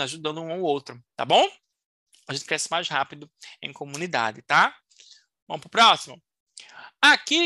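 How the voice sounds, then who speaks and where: A woman teaches an online English lesson, playful and teasing but encouraging. Her voice is bright and forceful, sitting slightly low, and she slows down to model phrases clearly. The recording is close and dry, with no room sound. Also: no room sound.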